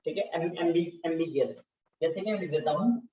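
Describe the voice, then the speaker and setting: A man's voice: fairly high pitch, a little fast, slight background noise. A man teaching a class, repeating key terms and often checking that students follow. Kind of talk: classroom lecture. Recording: distant, echoey, dull-sounding classroom recording.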